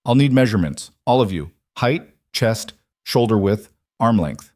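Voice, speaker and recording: A man's voice: on the low side, expressive, measured pace, a little mellow, no echo, clean studio sound. A man voicing a determined, practical young seamstress in a storybook tale. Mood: brisk.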